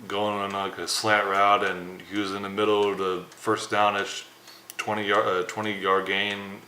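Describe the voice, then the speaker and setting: Young man, sports co-host, low voice, bright forceful tone, halting with fillers, downcast, echoey room, faint noise. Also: level tone. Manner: subdued, halting, many fillers. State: downcast after a loss. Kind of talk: casual sports talk. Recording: roomy echo, faint background noise.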